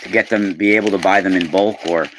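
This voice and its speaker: Over a noisy background, a man in his forties hosts a live unboxing stream, talking fast in a slightly low voice that sounds surprisingly young. He chats casually, names his viewers, and erupts in bursts of excitement.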